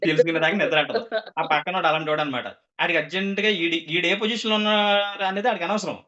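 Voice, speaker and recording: Animated man telling a comic story. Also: sits high, fast talker, dull audio. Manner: animated, acts out characters' quoted lines.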